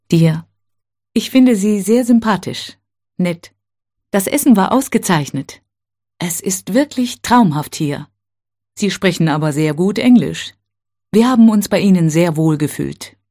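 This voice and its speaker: A woman teaching a language, reading set phrases one at a time in a slow, careful, clearly spaced way. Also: on the low side, lively intonation, dark tone.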